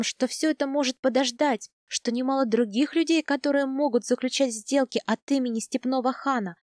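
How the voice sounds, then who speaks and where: A woman reading a first-person novel aloud, soft and intimate in tone. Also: on the high side, no room sound, studio quality. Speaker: audiobook narrator.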